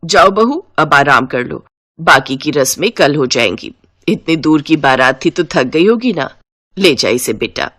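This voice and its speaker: A woman's voice: low voice, lively intonation, measured pace, fairly bright tone, no room sound, clean studio sound, pitched below the performer's own voice, exaggerated voice. A woman voicing an older mother-in-law in a cartoon, bossy and complaining.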